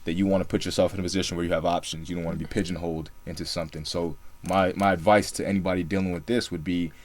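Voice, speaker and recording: This young Singaporean podcast co-host races through his story in a low, steady voice. The chat is casual and relaxed, loaded with fillers.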